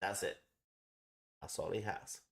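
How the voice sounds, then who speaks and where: A man's voice: deep voice, measured pace, creaky. A man hosting a casual livestream, explaining things in a rambling way and repeating himself for emphasis. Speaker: host of a live pipe tobacco review. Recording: roomy, echoing home recording.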